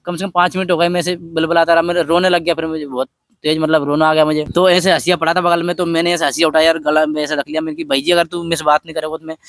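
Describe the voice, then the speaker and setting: A man talking softly and from the heart in a personal vlog, telling a story at an unhurried pace. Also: fairly high pitch, dry recording, studio quality. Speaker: vlogger. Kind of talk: personal reflective talk.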